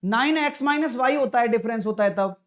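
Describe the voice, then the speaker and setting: A man whose voice is very high teaches maths in a live online exam-prep class. He talks casually and coaxes his students, constantly quizzing them with brief questions.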